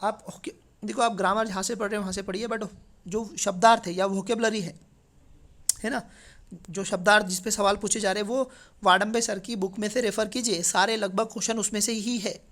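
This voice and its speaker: A man's voice: high-pitched, fairly even intonation, moderate pace, a bit bright. Male teacher, chatty. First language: Marathi. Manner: conversational, checks in with frequent tag questions. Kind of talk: exam paper walkthrough lesson.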